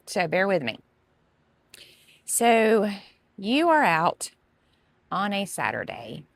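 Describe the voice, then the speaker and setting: A woman's voice: mid-range voice, very animated, takes it slowly, vocal fry, no echo. A woman, a gardening vlogger telling a chatty, dramatic story to camera.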